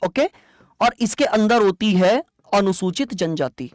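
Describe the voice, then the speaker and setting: This teacher's exam-prep lecture is animated yet unhurried, pitched in the middle range and conversational in its explanations. Rhetorical questions get raised and then answered, and important points are repeated for understanding. There's hardly any room echo.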